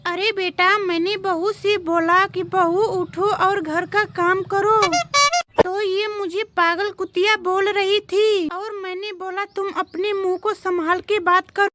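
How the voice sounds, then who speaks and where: A woman voicing a nagging, scheming old mother-in-law in a homemade comedy skit, scolding and shrill. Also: fairly even intonation, slow pace, music in the background. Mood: complaining. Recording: noisy home recording.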